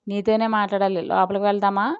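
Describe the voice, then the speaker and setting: A woman's voice: medium pitch, level tone, fast, clean tone, dry recording, muffled recording, lightly acted. Woman playing a moody, curt young woman. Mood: moody, soft. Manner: curt, scolding. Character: moody young woman, sharp but affectionate.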